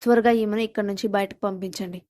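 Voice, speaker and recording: A woman voicing a stern, protective young husband who speaks in curt, sharp commands. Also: mid-range voice, steady tone, fast, dry recording, close to an everyday voice.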